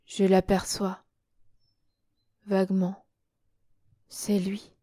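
A woman voicing a hypnotized prince who gives slow, halting answers in a trance in an audiobook. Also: medium pitch, monotone, warm tone. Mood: entranced. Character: hypnotized prince, grown man, dazed and obedient.

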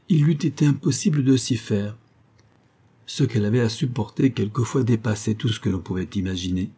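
A man reads a classic tale aloud with measured storytelling. His voice is low, mellow and dark, with a husky edge. The delivery is steady and even. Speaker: narrator. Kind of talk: audiobook reading.

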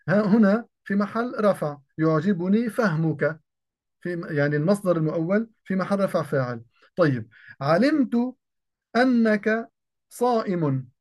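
A man teaching an Arabic grammar lesson, asking questions and then answering them, slowing down to repeat example sentences, with everyday dialect words mixed into formal speech. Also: high-pitched, a little mellow. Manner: repeats key phrases slowly and asks the class questions.

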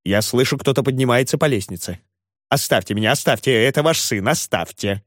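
A man doing a flustered elderly gentleman. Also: mid-range voice, brisk, no room sound, clean studio sound, close to an everyday voice. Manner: genteel, flustered pleading.

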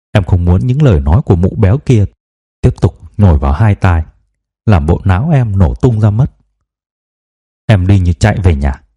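A male audiobook narrator reading a first-person novel in a confiding, reflective way. His voice sits very low and sounds mellow and warm. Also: husky.

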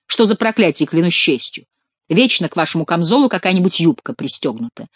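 A reader voicing a grumbling gruff soldier. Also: mid-range voice, sing-song, fairly quick, no room sound. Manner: scolding, irritable. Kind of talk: audiobook character reading.

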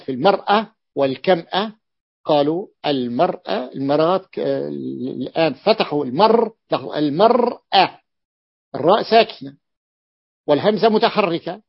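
A man's voice: high-pitched, breathy edge. A man teaching a lesson, patiently explaining a classical grammar text and repeating key points for his students. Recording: dull lo-fi recording.

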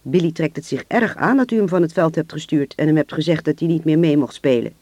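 A man voicing a calm, menacing middle-aged father who speaks politely and then in quiet threats. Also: on the high side, brisk, no echo. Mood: pleading.

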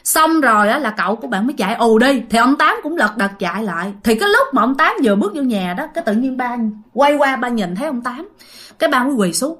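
A woman's voice: fairly high pitch, lively intonation, quick pace, a bit bright. A woman with a Southern Vietnamese accent telling a ghost story, chatty and speaking straight to her listeners. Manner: chatty, addresses listeners directly.

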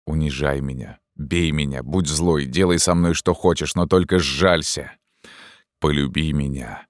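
A man playing a desperate, obsessed priest, low and hushed. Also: no room sound, studio quality. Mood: pleading. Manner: hushed, slow, imploring. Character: obsessed middle-aged male priest, desperate and pleading.

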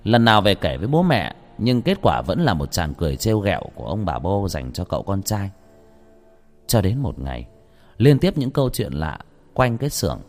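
Animated male ghost-story narrator. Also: fairly low pitch. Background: faint music.

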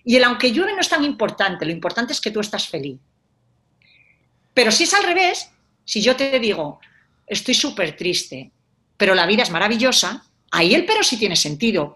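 A woman, a life coach explaining ideas in a casual conversational way and acting out example phrases. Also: fairly high pitch. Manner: animated, acts out example phrases.

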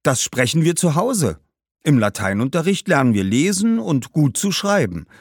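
A man's voice: fairly high pitch, very animated, normal speed, husky, dry recording, studio quality, voice pushed up, full character voice. A man voicing an earnest, bookish young schoolboy who talks eagerly and insistently in a storybook.

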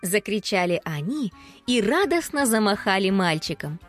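A woman narrating a children's storybook aloud in an expressive, lively storytelling manner. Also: medium pitch, moderate pace, soft background music. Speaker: audiobook narrator.

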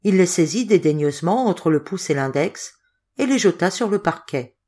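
A woman narrating a storybook aloud. Her voice sits fairly low and her reading is measured and expressive. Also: breathy edge. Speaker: audiobook reader.

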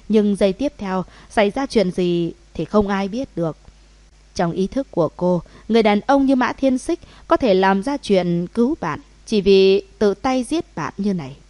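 A woman narrating a romance novel in a steady, measured audiobook reading. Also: mid-range voice, dry recording. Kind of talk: scripted narration.

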